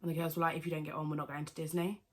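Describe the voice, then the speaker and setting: A woman's voice: low voice, little pitch movement, very fast. A woman, answering viewer questions in a chatty, rambling vlog with lots of fillers and self-corrections. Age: 20s. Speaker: vlogger. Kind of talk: casual Q&A vlog.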